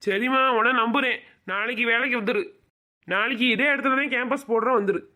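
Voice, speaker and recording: A man's voice: very high voice, brisk, bright, forceful tone, full character voice. A man voicing a kindly, hapless village doctor in a cartoon comedy, patient and fatherly, with a Madurai Tamil accent. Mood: calm.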